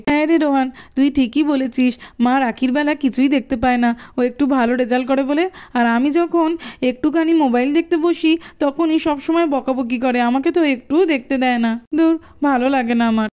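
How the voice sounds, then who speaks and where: A woman's voice: sits high, fairly quick, darkish tone, clear, resonant tone, close to an everyday voice. A woman voicing grumbling young village boys in a doll cartoon. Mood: sulky. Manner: whiny, grumbling.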